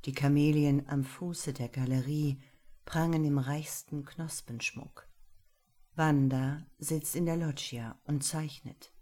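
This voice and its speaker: Low, hushed woman reading literature. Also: fairly even intonation. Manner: slow, hushed, intimate delivery. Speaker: audiobook narrator.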